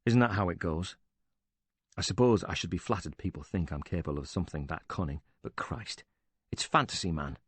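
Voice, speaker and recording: A man reads as a bitter, short-tempered older widower who curses while defending himself, indignant and sarcastic. His low, husky voice sits close and dry with no room sound or echo, and he talks fairly quickly.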